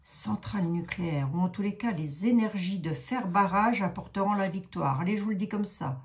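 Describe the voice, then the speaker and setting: A psychic card reader in her sixties from Lorraine, France, with a Lorraine French accent, does a casual oracle card reading, rambling and chatty with lots of asides and fillers. Her mid-range voice is a little mellow and moderately paced.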